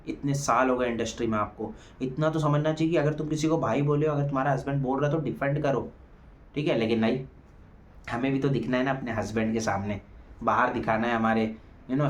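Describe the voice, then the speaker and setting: A man giving a heated, mocking review of a reality show episode, talking straight to his viewers. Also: mid-range voice. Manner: heated, mocking, addresses viewers as guys and friends. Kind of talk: opinionated show review commentary. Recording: echoey room.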